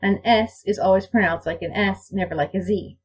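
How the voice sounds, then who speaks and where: Woman language teacher, husky voice, mid pitch, deliberate word-by-word examples. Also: rough recording. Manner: reads out example words one by one, slow and deliberate. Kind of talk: slide-show lecture on pronunciation.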